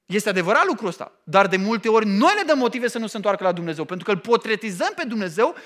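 A middle-aged man preaching a sermon, emphatic and animated, often pausing to ask his listeners questions. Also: high-pitched. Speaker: pastor.

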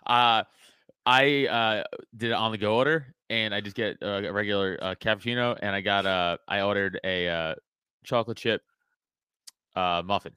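A man in casual podcast chat, talking bluntly and cursing a lot. His voice is bright and tense, and the recording is dry with no room sound. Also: on the low side, fairly even intonation, normal speed, smooth, no room sound. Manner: profane, blunt, laughs often. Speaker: guest comedian.

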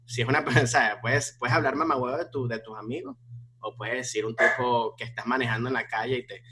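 Over heavy background noise, a male stand-up comedian talks fast in a mid-range voice. The conversation is casual and animated, packed with fillers and restarts.

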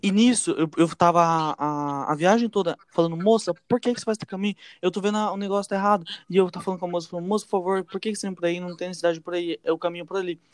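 A young man from tells a story to his friends at a rapid clip, calling out to them as he goes. His voice sits a little high, and the recording is dry and close. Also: clean tone, no room sound. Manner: fast, animated, addresses listeners as gente and velho. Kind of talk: casual storytelling among friends.

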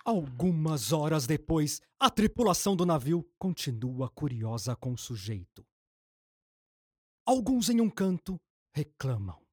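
A man's voice: on the high side, big pitch swings, unhurried, breathy edge, dry recording, full character voice. A man narrating a scripted radio drama as its storyteller.

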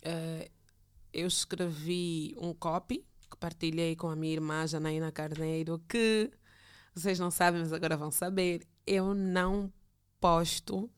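A woman's voice: lowish voice, steady tone, measured pace, clean tone. A woman, talking casually and expressively as a podcast guest, telling stories and acting out what people said. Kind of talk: casual conversational storytelling.

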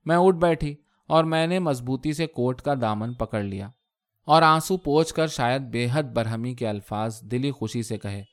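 A man narrating a first-person story in a measured, expressive reading. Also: mid-range voice. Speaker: story reader.

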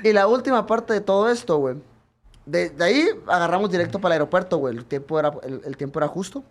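A man's voice: sits high, animated, quick pace. A Mexican man, a guest who is a fighter, telling a rambling, profane story among friends in casual chat and tagging nearly every phrase with a slang filler.

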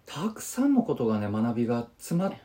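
A man's voice: medium pitch, wildly swooping pitch, fairly quick, dark tone. A man co-hosting a casual chat, enthusiastic and moved, reading aloud from a children's textbook. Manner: enthusiastic, moved, laughs while talking. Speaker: podcast co-host.

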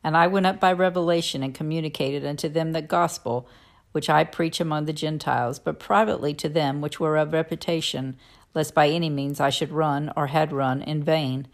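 Female scripture reader, low register, solemn and declamatory, measured phrasing for archaic biblical narration. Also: fairly even intonation. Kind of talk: solemn Bible reading aloud.

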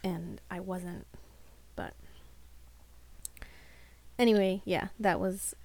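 A woman's voice: on the low side, steady tone, slow, a little mellow, dry recording. Chatty woman podcast co-host. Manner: chatty, lots of "like" fillers. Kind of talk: casual chat.

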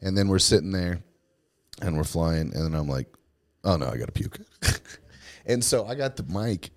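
A man's voice: low-pitched, lively intonation, normal speed, no room sound. A man co-hosting a podcast, telling a rambling story in casual chat, full of fillers and laughing as he goes. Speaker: podcast co-host.

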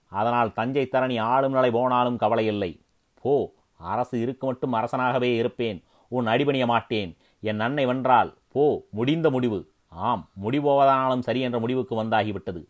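A proud young king rejects servitude in ringing, indignant declamations, as a man reads him aloud. The voice sits in a middle pitch, theatrical rather than disguised. It has the stately tone of a storybook drama. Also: unhurried, close to an everyday voice. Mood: defiant.

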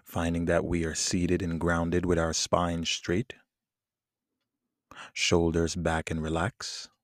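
A man leading a guided meditation in a soothing, unhurried manner with long pauses between phrases. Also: deep voice, monotone, no room sound, clean studio sound. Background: soft plucked guitar music.

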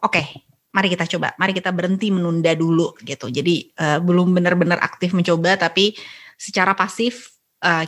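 Female podcast guest, chatty, relaxed, low-ish voice. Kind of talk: casual conversation.

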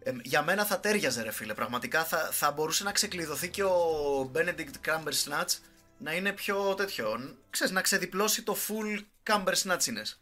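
Podcast host, bright and fairly high voice, joking casual chat, faint music behind. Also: male voice. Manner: animated, joking, swears casually. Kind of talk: casual chat about films.

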